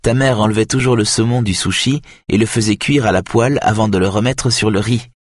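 A soft-spoken adult woman in a recorded novel, light and teasing but anxious underneath, voiced by a male narrator. Her lines ride higher than his natural bass, with a faint huskiness, and the recording is close and dry. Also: a little fast, slightly rough, no room sound.

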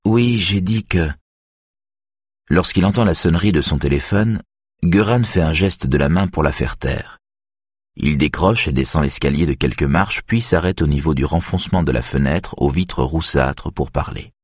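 A man reading a thriller audiobook aloud in steady, even scripted narration. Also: a bass voice, moderate pace, husky, dry recording, studio quality.

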